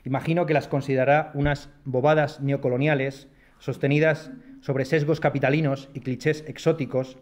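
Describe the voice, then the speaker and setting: In a university residence's lecture hall, a Madrid-born philosopher with a Madrid Spanish accent reads out a prepared lecture, sprinkling in wry jokes at his own expense. He speaks in a medium-pitched, slightly mellow voice, flat in delivery and moderate in pace.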